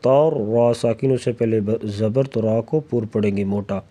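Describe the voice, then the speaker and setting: A man teaching a recitation lesson who chants verses slowly and explains the rules quickly in a low voice. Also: steady tone, warm tone. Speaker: Quran tajweed teacher. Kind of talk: tajweed lesson, slow melodic recitation alternating with rapid explanation.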